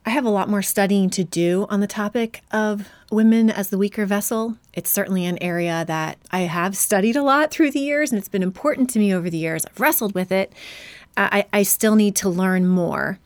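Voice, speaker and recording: A woman taking part in a faith-based podcast discussion, thoughtful and measured, pausing to search for words. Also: medium pitch, no echo. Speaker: Bible study participant.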